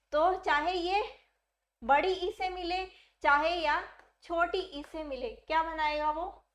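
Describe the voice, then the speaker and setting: A woman's voice: sits high, fairly bright tone. A woman teaching a grammar lesson for exam aspirants, who keeps asking her own questions and answering them patiently. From India.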